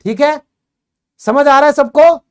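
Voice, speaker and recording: A woman teaching English in a video lesson, quizzing her learners and urging quick answers, repeating each word slowly for drill. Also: high-pitched. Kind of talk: classroom-style video lesson.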